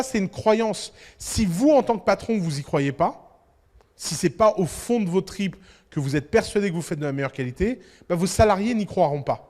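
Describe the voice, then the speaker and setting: A man giving a lively talk to an audience as an entrepreneur, emphatic and full of rhetorical questions. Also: high-pitched, big-room sound. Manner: emphatic, rhetorical questions, acts out little dialogues.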